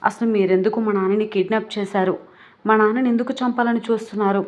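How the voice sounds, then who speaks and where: A woman's voice: medium pitch, flat delivery, fast talker, lightly acted. A woman voicing a defiant young woman who threatens and taunts her rival. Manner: taunting, confrontational.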